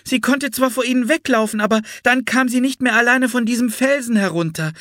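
A man doing an eager, excitable young girl. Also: very high-pitched, brisk, no echo, clean studio sound, pitched above the performer's own voice. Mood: earnest. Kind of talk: audiobook character voice.

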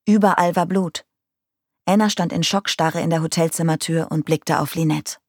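Low-voiced woman reading a novel. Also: husky, dry recording, studio quality. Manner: calm, measured narration. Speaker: narrator. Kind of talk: audiobook reading of a crime novel.

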